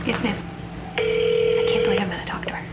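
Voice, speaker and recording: A woman with a medium-pitched voice speaks a little fast in a personal vlog, candid, earnest and confiding, as though thinking aloud. The room is echoey, with faint background noise.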